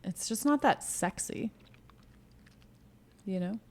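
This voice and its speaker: On a casual podcast about politics, a woman co-host delivers blunt opinions in short, declarative phrases. Her mid-range voice has lively intonation and a slow pace.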